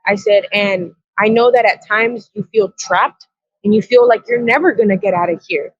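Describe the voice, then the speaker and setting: Her medium-pitched voice has a breathy edge as she shares a personal story on a podcast at normal speed, voicing blunt, earnest, profane dialogue. Without any echo, the lo-fi audio sounds dull and dry.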